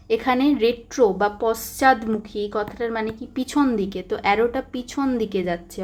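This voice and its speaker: A woman's voice: a little high, darkish tone. Emphatic woman teaching exam revision. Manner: emphatic, repeats key points, mixes English terms. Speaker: psychology teacher.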